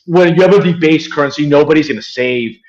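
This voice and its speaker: A man's voice: a little high, fast, a little mellow, muffled recording. A man from Venezuela, a podcast guest talking politics in a rambling way with many fillers and restarts. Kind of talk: casual political discussion.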